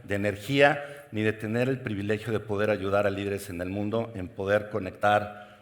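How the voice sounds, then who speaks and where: Delivering a personal keynote to a big conference crowd, this middle-aged speaker from Mexico talks in a lowish voice with a Mexican Spanish accent. His intonation stays fairly even at a moderate pace, and the sound carries long hall reverberation.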